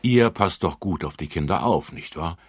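A man's voice: sits low, lively intonation, normal speed, husky, no echo, studio quality. A man reading a children's story, voicing a kindly woman who looks after the children. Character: kindly adult woman, a children's home carer.

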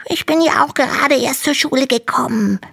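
A woman voicing a tiny, timid young male dragon in a storybook reading, squeaky and whimpering as he pleads. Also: normal speed, creaky, a bit bright, husky, heavily acted. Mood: eager pleading.

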